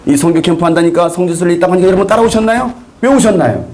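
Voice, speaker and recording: A man's voice: high-pitched, racing, darkish tone. A man preaching a sermon to a congregation, asking them question after question. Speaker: pastor.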